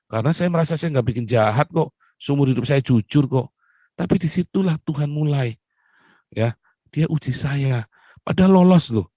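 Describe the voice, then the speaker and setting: A man from Indonesia delivers a sermon woven with his own testimony. He talks in an exclamatory way and calls out to his listeners as brothers and sisters. His voice sits at a middle pitch and the sound is dry, with no room echo. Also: mellow. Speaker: preacher.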